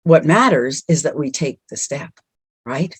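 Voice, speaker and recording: Earnest low-voiced woman giving a pep talk. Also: animated, unhurried, husky, no room sound. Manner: earnest, encouraging, repeats words for emphasis. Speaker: speaker at a women's empowerment event. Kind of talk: motivational talk.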